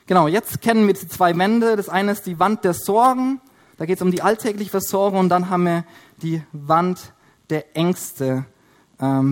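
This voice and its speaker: A man with a notably high-pitched voice preaching in a teaching style. He explains one point after another, often stopping with hesitation sounds while he writes and draws. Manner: explanatory, with frequent hesitation fillers. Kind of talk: Bible teaching while drawing on a board.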